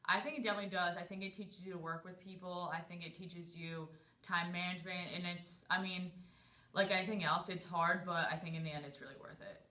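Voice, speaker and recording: A woman's voice: lowish voice, steady tone, fairly quick, sharp tone. A young adult woman giving casual interview answers as a student athlete. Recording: echoey room.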